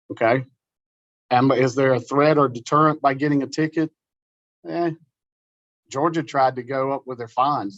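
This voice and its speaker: A middle-aged man giving an informal, animated conference talk, folksy and storytelling. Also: medium pitch, no room sound, highs cut off. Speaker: conference presenter. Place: meeting room.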